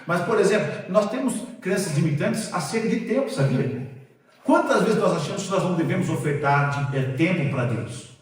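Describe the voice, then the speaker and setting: A man preaching a sermon as pastor, telling a personal testimony in an animated, storytelling way, heard in a church sanctuary. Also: high-pitched, normal speed, slight background noise. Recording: very echoey church hall, distant mic.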